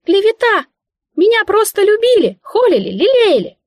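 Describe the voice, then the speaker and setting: A squeaky little mouse familiar. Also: female voice, very animated, moderate pace, dry recording, clean studio sound. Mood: indignant. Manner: wheedling, theatrical, easily offended. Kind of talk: audiobook character voice.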